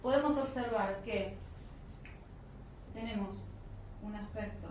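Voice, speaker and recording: A woman teaches an online spiritual alchemy course in a didactic, explanatory lecture style, frequently pausing for short check-in questions. Her voice is medium-pitched, and the recording has a roomy echo, dull lo-fi sound, and faint noise.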